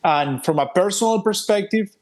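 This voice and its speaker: A man's voice: sits high, lively intonation, normal speed, darkish tone. A man with a Venezuelan accent, a native Spanish speaker, explaining his work as an interview guest. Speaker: interview guest, policy group president.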